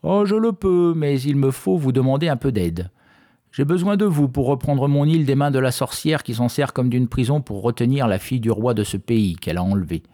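A man's voice: medium pitch, expressive, a little fast, warm tone, pitched above the performer's own voice, natural voice. A man voicing a grand male dragon who speaks formally and graciously in a told fairy tale. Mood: courteous. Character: grand freed male dragon, courteous and wise.

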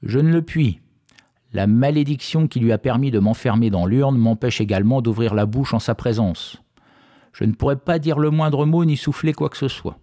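A man's voice: mid-range voice, normal speed, mellow, lightly acted. A man voicing a grand male dragon who speaks formally and graciously in a told fairy tale. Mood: courteous. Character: grand freed male dragon, courteous and wise.

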